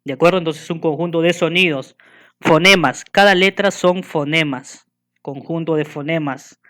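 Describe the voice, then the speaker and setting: A man giving a school lesson, patiently asking the listener questions and slowly spelling and counting things out. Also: on the high side, fairly bright tone. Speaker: teacher.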